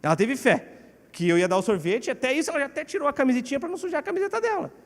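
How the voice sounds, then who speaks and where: A man with a Brazilian Portuguese accent preaching a sermon in a church, animated and acting out quotes. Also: racing. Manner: animated, acts out quotes with shifting pitch. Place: church hall. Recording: church hall with long reverb.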